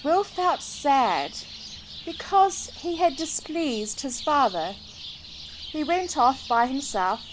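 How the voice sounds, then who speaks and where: Outdoors in a garden, a woman with a high-pitched voice reads a children's storybook without hurrying. She sounds lively, varied and expressive, as though talking to small children, while birdsong and clear outdoor noise carry in the background.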